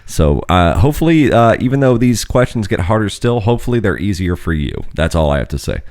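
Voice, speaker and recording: A man's voice: fairly low pitch, sing-song, brisk, a little mellow. A man hosting a podcast, reading out trivia questions and teasing the contestant with casual swearing. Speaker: podcast host running a trivia quiz.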